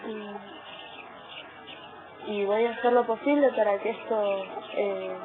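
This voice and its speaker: Una mujer que entrevista durante una visita y responde con frases mesuradas en una charla informal. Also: female voice, medium pitch, steady tone, slow pace, noisy background. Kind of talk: casual conversation. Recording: tinny phone-like sound with crowd behind.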